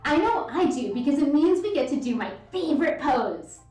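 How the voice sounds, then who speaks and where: A children's yoga and story time host leads little ones through an interactive story and movement lesson, giving simple, encouraging, sing-song instructions with repeats. Her high voice swings widely in pitch at normal speed, with loud music behind her, a roomy echo and a distant mic.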